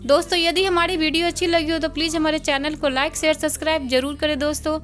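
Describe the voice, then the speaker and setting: A woman narrates a household tale in a high, bright voice, reading every character's lines herself without changing her voice. Soft music plays quietly behind her. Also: flat delivery, quick pace. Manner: reads all characters in her own voice. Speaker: storyteller. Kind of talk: scripted narration.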